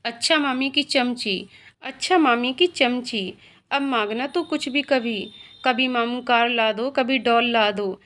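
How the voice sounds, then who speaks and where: A woman's voice: on the high side, slow pace, fairly bright tone. A woman voicing a young husband who teases and grumbles in a dry, joking way. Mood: teasing. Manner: teasing, mock-grumbling.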